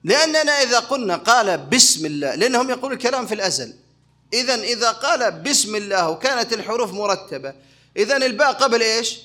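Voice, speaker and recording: A man's voice: very high voice, lively intonation, fast talker, sharp tone. A man teaching a religious creed lesson as a sheikh, asking his listeners rhetorical questions and answering them himself. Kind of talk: religious lecture.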